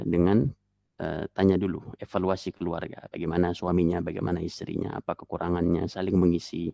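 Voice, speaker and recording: A man preaching to parents, animated, jumping high in pitch for emphasis. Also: vocal fry, no echo, studio quality. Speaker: Islamic preacher. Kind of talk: sermon to parents. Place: lecture hall.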